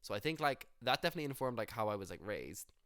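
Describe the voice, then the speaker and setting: A man's voice: mid-range voice, big pitch swings, quick pace, a bit bright, no room sound, clean studio sound. A young adult man with an Irish accent, a musician and teacher chatting in an interview, jokey and full of "like". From Ireland. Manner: chatty, jokey, heavy use of "like". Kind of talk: casual interview chat.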